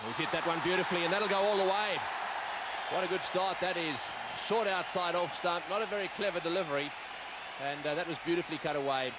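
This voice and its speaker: A man's voice: high-pitched, quick pace. A man giving live cricket commentary as a broadcast commentator. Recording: loud stadium crowd noise behind voice. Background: loud cricket crowd.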